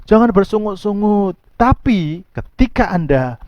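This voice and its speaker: Male pastor, emphatic preacher with soft low asides, slightly high voice, dry and dull lo-fi sound. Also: animated, measured pace, no echo. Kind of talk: sermon.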